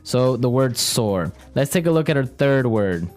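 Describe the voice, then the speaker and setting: A man's voice: medium pitch, expressive, measured pace, a little mellow, soft background music. A man teaching vocabulary conversationally, repeating key words and checking with short questions. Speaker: host and English teacher.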